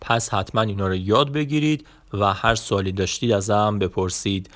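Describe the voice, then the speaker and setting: A man teaching an online language lesson, explaining slowly with many hesitation sounds. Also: fairly low pitch, fairly bright tone.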